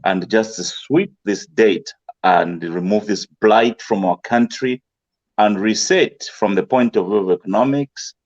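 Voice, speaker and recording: A male guest giving measured, rallying closing remarks. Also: on the low side, no room sound, lo-fi sound. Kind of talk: closing remarks on an online talk show.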